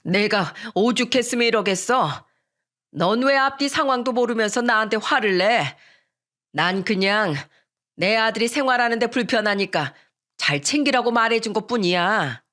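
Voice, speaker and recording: A shrill, nagging old countrywoman scolding her daughter-in-law, put on by a woman narrator. Her voice comes across raised and scornful in this storybook-style radio tale. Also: normal speed, a bit bright, natural voice. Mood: defensive. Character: harsh older rural mother-in-law, scolding.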